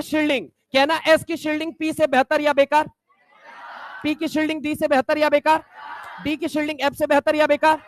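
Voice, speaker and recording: A man teaching chemistry to a class, bantering and teasing students and drilling mnemonics slowly, sometimes shouting key points. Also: extremely high pitch, dry recording. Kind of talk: classroom lecture with call-and-response.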